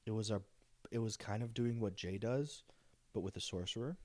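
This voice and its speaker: A young man co-hosting a casual podcast chat, excitable and boastful, swearing freely as he talks about the games he runs. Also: lowish voice, normal speed. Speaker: podcast co-host and dungeon master.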